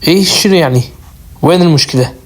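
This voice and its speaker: A man's voice: on the high side, quick pace. A man, a caller in a heated religious debate, insisting on a chance to answer and explain.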